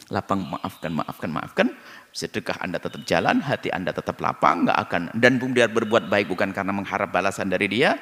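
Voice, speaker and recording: A man preaching a sermon, animated, swinging between loud outbursts and soft murmurs. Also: fairly low pitch. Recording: long hall reverb.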